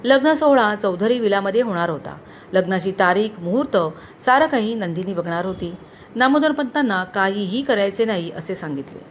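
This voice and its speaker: A woman's voice: mid-range voice, lively intonation, normal speed, slight background noise. Woman storyteller reading a romantic tale. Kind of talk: scripted story narration.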